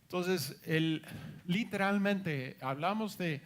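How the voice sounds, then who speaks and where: High-voiced man preaching a testimony sermon. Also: takes it slowly. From United States. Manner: storytelling, acts out quoted dialogue, emphatic repetitions.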